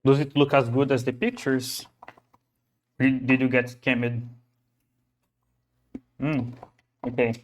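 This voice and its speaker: Holding a phone close to his mouth, a man streams a game, chatting casually and reading the story aloud while rambling and correcting himself. His voice is medium in pitch and flat, and he speaks slowly with frequent pauses.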